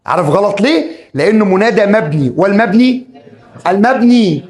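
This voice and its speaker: A man's voice: high voice, lively intonation, fairly quick, darkish tone. A man with an Egyptian accent teaching Arabic grammar, drilling rules over and over and acting out his students' questions. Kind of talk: classroom grammar lesson.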